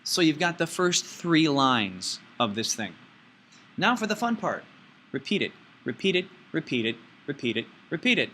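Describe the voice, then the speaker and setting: In an informal step-by-step software tutorial, a man with a fairly high voice playfully narrates each action aloud to himself. A little hiss or hum sits under the recording.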